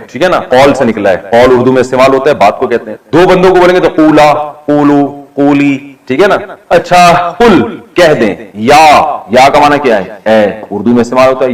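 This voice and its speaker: A man's voice: medium pitch, rough recording. A middle-aged man teaching a Quran lesson, explaining each word, quizzing the class and joking as he writes on a board. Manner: explains word by word, asks and answers own questions, jokes. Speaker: religious scholar teaching. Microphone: recorded lesson while writing on a board.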